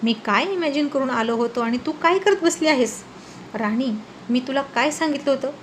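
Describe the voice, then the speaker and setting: A woman voicing a quick-tempered young husband who scolds his wife. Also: high-pitched, a little hiss or hum, natural voice. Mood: angry.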